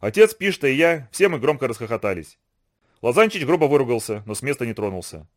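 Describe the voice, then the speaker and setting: Guy reading an audiobook, expressive storyteller, voice rises and falls a lot. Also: medium pitch, fast. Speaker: narrator. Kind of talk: scripted audiobook narration.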